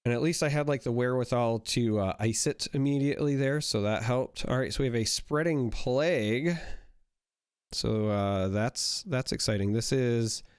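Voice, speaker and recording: His voice not fully back after an illness, a young man rambles through casual pack-opening commentary full of fillers and restarts. He speaks at normal speed with a medium-pitched, smooth voice, recorded dry and clean in a studio.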